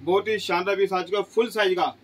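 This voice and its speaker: A middle-aged man pitching goods in a small clothing shop, asking each price aloud and answering it with exclamations. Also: fairly even intonation, a little fast, low-quality recording. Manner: repeats prices as questions, exclaims "wah ji wah". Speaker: shop seller. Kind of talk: sales pitch.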